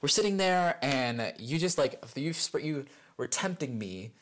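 A young man co-hosting a casual pop culture podcast, talking in a playful, animated way with big jumps in pitch for emphasis. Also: a little slow. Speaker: podcast co-host. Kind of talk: casual chat.

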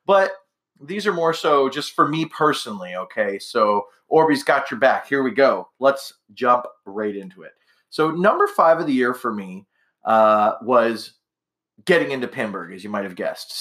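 Male podcast host from Canada, middle-aged, medium pitch, casual rambling monologue. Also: a bit bright. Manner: rambling, chatty, self-correcting asides.

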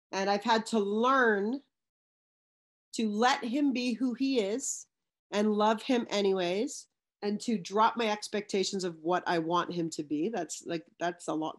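Guest, woman, mid-pitch, earnest and halting, restarts a lot in casual chat. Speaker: interview guest. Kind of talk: casual conversational interview.

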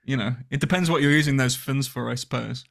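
A British man co-hosts a relaxed podcast in a middle-pitched voice. He is blunt and opinionated and throws in jokes as he goes. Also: quick pace, gravelly. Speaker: podcast co-host. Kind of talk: casual podcast banter.

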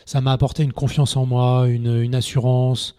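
A middle-aged man, a former poker TV presenter, talking casually as a podcast guest and acting out anecdotes with lively energy. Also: mid-range voice, normal speed. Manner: animated storyteller, acts out scenes in shouts.

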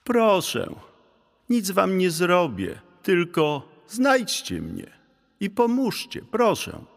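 Gentle ghost girl from a children's story, high and singing, pleading for help, put on by a man reading aloud. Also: huge pitch swings, slow pace, vocal fry, big-room sound, exaggerated voice. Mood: pleading, melodic. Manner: melodic, pleading. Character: young female ghost speaking through a stone, gentle.

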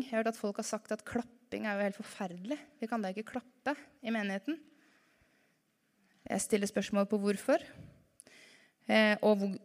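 Energetic woman preaching in reverberant hall. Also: mid-range voice. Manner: energetic, animated preaching with rhetorical questions. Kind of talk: sermon. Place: church hall.

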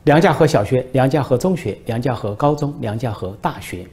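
A man doing a calm, bold young woman. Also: medium pitch, normal speed, close to an everyday voice. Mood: calm, deadpan. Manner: composed, matter-of-fact retorts.

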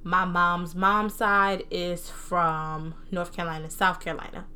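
This is a young woman from New Jersey whose accent blends Jersey and Southern American, speaking in a fairly low, smooth voice at an unhurried pace. She chats casually and animatedly as a solo podcast host from her own room at home, keeping things informal and slangy.

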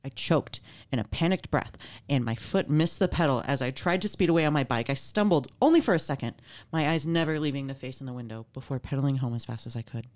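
A woman's voice: a bass voice, fast talker, few pauses, darkish tone. A woman casually reading a scary story aloud, with playful, informal asides. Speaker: story reader.

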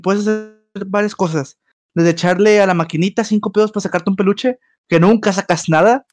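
Young man, high voice, dry close sound, joking, slangy. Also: a little fast, a little mellow, no room sound, faint music behind. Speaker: podcast co-host. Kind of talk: casual podcast chat.

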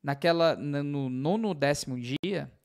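Chatty man with a high-ish voice. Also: unhurried. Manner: chatty, builds stories with emphasis. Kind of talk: casual conversation, anecdote.

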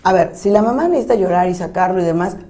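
A woman, a psychologist hosting a talk show, speaking with emphatic, expressive reactions. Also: medium pitch, quick pace. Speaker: psychologist and host.

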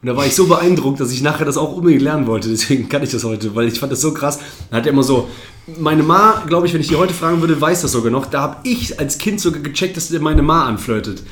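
Man, 30s, upbeat slangy storyteller, a touch higher voice, roomy echo. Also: fast. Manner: animated anecdotes, slangy, laughs often. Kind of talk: casual chat, storytelling.

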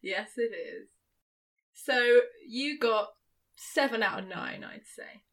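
A woman taking turns in a casual quiz with a friend, friendly and quick to laugh. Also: fairly high pitch, fairly bright tone. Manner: friendly, giggly. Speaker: quiz player.

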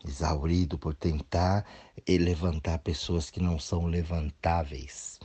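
A man's voice: low voice, flat delivery, a little slow, warm tone, slightly rough. A man, a therapist, giving a blunt motivational talk and mocking whiny voices of others.

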